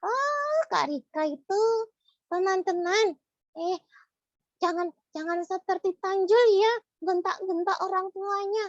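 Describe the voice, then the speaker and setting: A woman voicing a cheeky little child sidekick in a children's storytelling show, squeaky and playful. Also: slow, no echo, heavily acted. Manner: squeaky, playful, interrupts with jokes. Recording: slightly muffled, dry sound.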